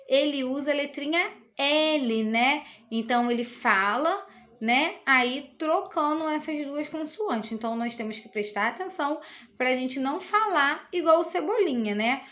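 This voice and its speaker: A high-voiced woman with a Brazilian Portuguese accent gives a lesson to young children. She explains patiently and slowly, stopping often to check that they follow. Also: fairly bright tone. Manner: patient, explains slowly with many tag questions. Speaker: teacher.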